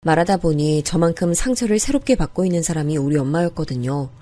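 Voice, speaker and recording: A woman's voice: low-pitched, fast, warm tone. A woman narrating a first-person story in an earnest, confiding way. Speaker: narrator of a true-story drama.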